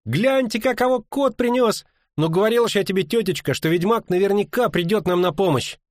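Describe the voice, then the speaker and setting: A man voicing a brash, flamboyant male bard with an impudent, high voice. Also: animated, brisk, husky, no echo, studio quality. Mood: cheeky.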